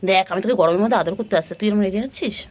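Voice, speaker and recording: A woman's voice: mid-range voice, rapid-fire. A woman filming her cats at home, talking baby talk to them in a cooing, sing-song way with lots of repeated words. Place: home with pets.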